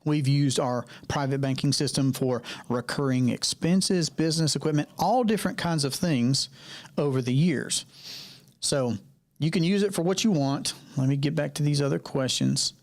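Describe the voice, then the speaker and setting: Conversational coach on a video call. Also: male voice, on the high side, moderate pace. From North Carolina. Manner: conversational, repeats key phrases, addresses participants by name. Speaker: financial coach hosting a Q&A. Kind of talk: live online Q&A.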